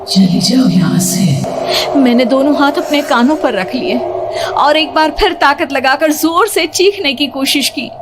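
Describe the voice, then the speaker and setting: A woman's voice: sits high, normal speed, over loud music. A young woman narrating a cartoon horror story in the first person, with a tense, breathless delivery and sudden cries.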